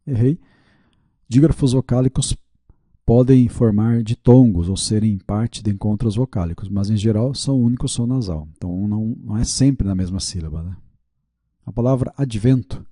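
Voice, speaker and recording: A man's voice: fairly low pitch, mellow, dry recording, studio quality. A man teaching a video lesson with a Brazilian Portuguese accent, working through quiz questions aloud, checking his answers and admitting his mistakes.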